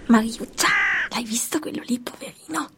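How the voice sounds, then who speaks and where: A woman's voice: fairly high pitch, moderate pace, vocal fry. Woman doing a whispering old church spinster. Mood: gossipy. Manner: hushed, gossipy whisper.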